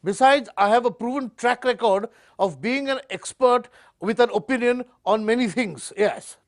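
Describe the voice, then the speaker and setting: In a comedy sketch mock interview, a man plays a pompous, self-important celebrity author, speaking in a very high-pitched voice, deliberate and self-promoting.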